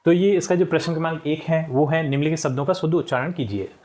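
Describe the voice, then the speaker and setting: A man's voice: a little high, quick pace, dark tone. A man teaching a children's class, walking step by step through textbook exercises, patient and repeating each answer. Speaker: school teacher. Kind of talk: explaining a textbook lesson to children.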